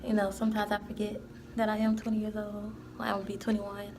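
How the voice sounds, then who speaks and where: Quick and monotone, a twenty-year-old woman with a medium-pitched voice gives a loose, rambling vlog tour full of "like" and "you know." Background music plays, and the background is noisy.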